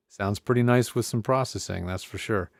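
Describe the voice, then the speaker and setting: On a close studio podcast mic, a man with a fairly low, creaky voice walks through a casual hands-on tutorial about audio gear. He talks at a normal speed, thinking out loud conversationally, and there's no room sound.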